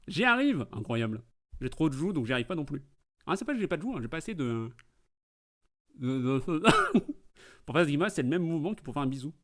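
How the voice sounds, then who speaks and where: A man's voice: fairly high pitch, very animated, brisk, long pauses, a bit bright. A man with a Québécois accent hosting a watch party, chatting playfully and laughing often. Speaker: host. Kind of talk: casual watch-party commentary.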